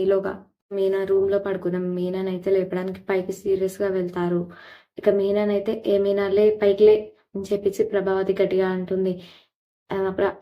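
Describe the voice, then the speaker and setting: A woman's voice: medium pitch, mellow, lo-fi sound. A woman retelling a TV serial episode in a plain storytelling way, with many filler phrases. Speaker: serial recap narrator.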